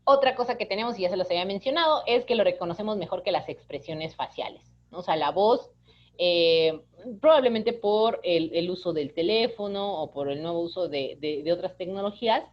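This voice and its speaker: A woman's voice: fairly low pitch, muffled recording, slight background noise. A woman teaching an online course, chatty and keeps checking in with the class. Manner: chatty, keeps asking "¿no?", acts out quoted dialogue. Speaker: course instructor. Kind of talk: online lecture.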